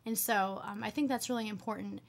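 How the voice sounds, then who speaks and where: A woman's voice: medium pitch, fairly even intonation, fairly quick, creaky. A young woman in her twenties, a medical student answering interview questions earnestly with many fillers. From United States.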